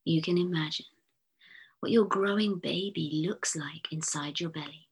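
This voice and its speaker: A woman, a fertility therapist, speaking a whispered guided visualisation in a slow, soothing, hushed delivery. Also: low voice, husky.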